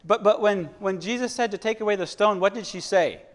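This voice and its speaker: A man in his thirties preaching a sermon in an earnest, halting way, often repeating words as he searches for them. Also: high-pitched. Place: church hall. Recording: long hall reverb.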